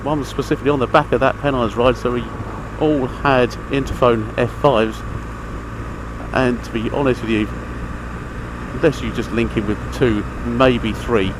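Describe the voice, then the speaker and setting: A mid-range man speaks at a moderate pace with fairly even intonation, riding a motorbike and chatting about gear. His helmet mic picks up engine, traffic and outdoor noise as he gives a casual, rambling, matter-of-fact review.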